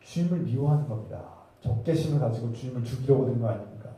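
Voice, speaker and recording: A man's voice: mid-range voice, animated, fast talker, dark tone. Impassioned male pastor in an echoey church. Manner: impassioned, emphatic, building through repeated phrases. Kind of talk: sermon. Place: church sanctuary. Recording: echoey hall, voice from a distance.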